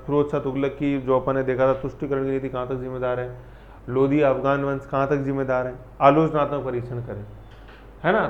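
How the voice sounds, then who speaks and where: Man, history teacher, classroom lecture, highish voice, rhetorical questions, dull muffled sound. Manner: lively, rhetorical questions, acts out scenes.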